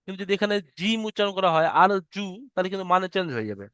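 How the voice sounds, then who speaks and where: High, clear-voiced man teaching recitation. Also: sing-song, a bit bright, dry recording. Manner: chants Arabic verses slowly, explains pronunciation patiently. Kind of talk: online tajweed lesson.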